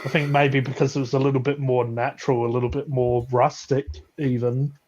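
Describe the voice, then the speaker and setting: A man's voice: medium pitch, flat delivery, fairly quick, a little mellow, slight background noise. Guy rambling on about movies, laughs a lot, kinda muffled lo-fi stream sound. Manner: rambling, laughs often, restarts words. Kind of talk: casual chat.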